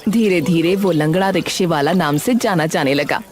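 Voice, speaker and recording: A woman narrating an animated story in a dramatic, measured storytelling manner. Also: fairly low pitch, faint music behind.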